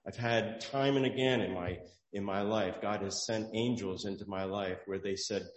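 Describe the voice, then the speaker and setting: A man's voice: on the low side, fairly even intonation, normal speed. A man preaching a sermon as pastor, in an earnest, conversational way, often restarting his phrases. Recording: roomy hall with long echo.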